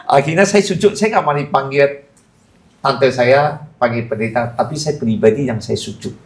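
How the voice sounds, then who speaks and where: A middle-aged man giving a casual personal testimony on a podcast, his voice jumping up in pitch when he gets emotional. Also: moderate pace. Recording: echoey room.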